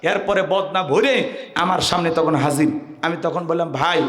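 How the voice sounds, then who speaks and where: A man preaching a lively waz sermon at a religious gathering, his voice pitched high and bursting into shouts. He keeps calling out questions to the crowd. The sound comes through a microphone with a long, echoing reverb. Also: moderate pace. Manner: calls out to the crowd for answers and repeats questions; bursts into shouting, folksy and joking.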